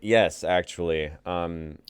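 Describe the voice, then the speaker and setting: With a crowd audible in the background, a young playwright in his twenties hosts a live script reading and reads the stage directions. He speaks low and slowly, keeping things relaxed, laughing often and addressing people as "y'all."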